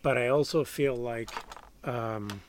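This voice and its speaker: A man's voice: medium pitch, slow pace. Man, podcast co-host, casual chat, chatty, faint hiss behind him. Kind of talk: casual film-awards chat.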